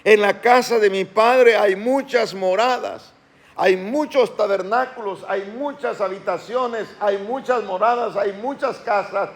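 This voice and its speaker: A male pastor preaches to his church in a fairly high voice. He slows and rises when reading scripture and asks his listeners questions. His delivery is earnest and preacherly. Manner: asks the congregation questions and calls them to respond. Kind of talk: sermon.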